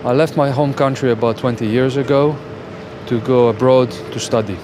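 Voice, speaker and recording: A middle-aged man answering a street interview in a halting way, with many fillers. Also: medium pitch, fairly even intonation. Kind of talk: vox-pop interview. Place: outdoors on a city street. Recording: outdoor traffic noise. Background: traffic and cars.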